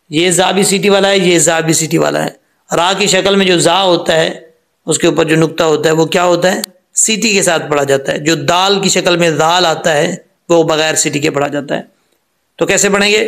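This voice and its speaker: A man teaching Quran recitation, explaining each rule patiently and then drawing the words out very slowly. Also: sits high, creaky, fairly bright tone.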